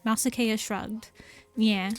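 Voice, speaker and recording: A woman's voice: on the high side, steady tone, takes it slowly. Give me a young woman reading a book on stream, tagging "yeah" on every line. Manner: adds "yeah" after nearly every sentence, giggly asides. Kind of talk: reading a novel aloud on stream.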